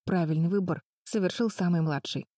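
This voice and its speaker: A woman's voice: on the low side, brisk, mellow, no room sound, clean studio sound, natural voice. A woman voicing firm determined older sister. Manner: firm, urging, through clenched teeth. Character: determined eldest sister Betty, girl.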